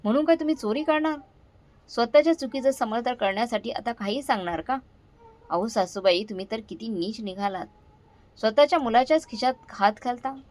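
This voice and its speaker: Woman doing a scornful, shouting young daughter-in-law. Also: medium pitch, expressive, normal speed, close to an everyday voice. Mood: furious scorn. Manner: accusing, shouting.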